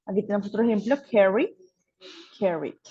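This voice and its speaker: A woman's voice: medium pitch, expressive, a little fast, warm tone, husky, muffled recording. Patient woman teaching English. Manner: patient, checks in with "¿listo?". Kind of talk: online class explaining grammar.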